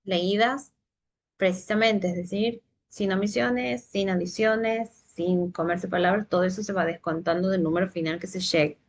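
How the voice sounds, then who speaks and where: A woman leads a teacher workshop at a middle pitch. She explains patiently, often pausing on "eh" and restarting her phrases. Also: steady tone. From Santiago del Estero, Argentina. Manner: explanatory, frequent hesitations and restarts. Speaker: literacy trainer for teachers. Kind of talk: teacher training presentation.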